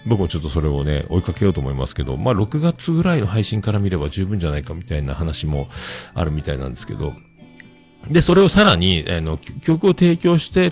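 A man in his forties hosting a casual solo podcast, rambling and self-deprecating, with many drawn-out fillers. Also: fairly low pitch. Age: 40s. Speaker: podcast host.

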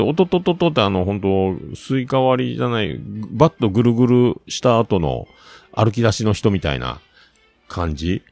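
A man talking casually on his own, telling a rambling story with lots of filler words and animated retelling. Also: lowish voice, creaky, dry recording. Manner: chatty, animated, with many fillers.

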